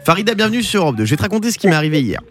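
A man hosting a morning radio show, telling a story in a lively, joking way. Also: high voice, rapid-fire, soft background music. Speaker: radio host.

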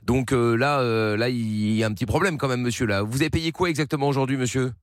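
A man's voice: medium pitch, fast, no echo, clean studio sound. A man hosting a radio prank call, posing as a polite toll official and hesitating with lots of fillers. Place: radio studio.

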